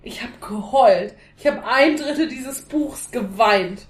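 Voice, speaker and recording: High, lively woman in an echoey room. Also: slow. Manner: animated, blunt, laughs easily. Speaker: podcast co-host. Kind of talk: casual chat over drinks.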